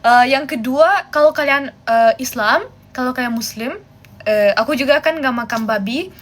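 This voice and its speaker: This German woman's voice sits high and moves at a moderate pace. As a livestream host she chats casually and talkatively with viewers while doing makeup, going back and forth between languages.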